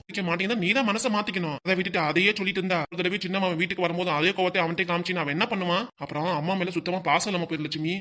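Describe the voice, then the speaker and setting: An actor doing a calm, pleading old grandfather. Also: medium pitch, very fast, few pauses, close to an everyday voice. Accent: southern Tamil Nadu dialect. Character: patient elderly grandfather, placating husband. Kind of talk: cartoon voice acting.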